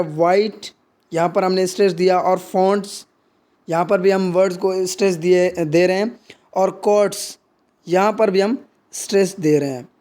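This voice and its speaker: Slow, high-voiced male teacher explaining. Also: darkish tone. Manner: reads English definitions very slowly, then explains them in Hindi. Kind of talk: Hindi lecture on English poetry.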